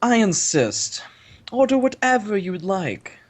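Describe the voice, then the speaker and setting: A man voicing a suave, mysterious young man in an amateur voice drama, speaking slow, low and languid. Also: big pitch swings, heavily acted. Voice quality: smooth, melodious.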